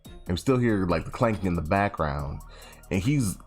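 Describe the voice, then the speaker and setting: A man's voice: low voice, animated, normal speed, faint music behind. A young man casually recapping a comic chapter, slangy and rambling, often correcting himself and acting out quotes. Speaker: anime chapter reviewer.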